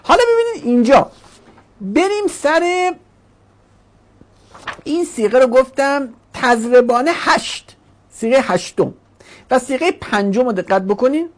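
A woman's voice: high voice, sing-song, long pauses. A woman teaching a grammar lesson, putting questions to the class, answering them herself, and giving grammar forms their own voices. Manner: acts out grammar forms as talking characters.

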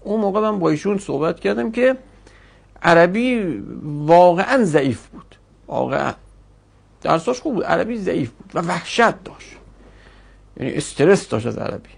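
High-pitched gravelly male teacher. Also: lively intonation. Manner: explanatory, repeats forms slowly for students. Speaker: Arabic grammar teacher. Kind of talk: classroom lecture.

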